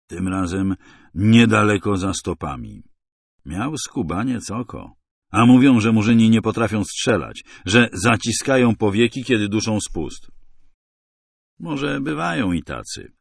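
Low-voiced man narrating a hard-boiled thriller. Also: dry recording, clean studio sound. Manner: wry, hard-boiled, measured. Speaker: audiobook narrator. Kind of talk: first-person thriller narration.

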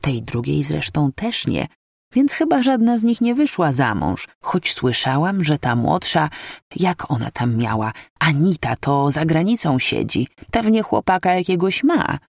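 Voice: mid-range voice, very animated, measured pace, gravelly, no echo, clean studio sound, full character voice. A reader voicing a nosy elderly neighbour woman who chatters eagerly and pries. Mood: gossiping.

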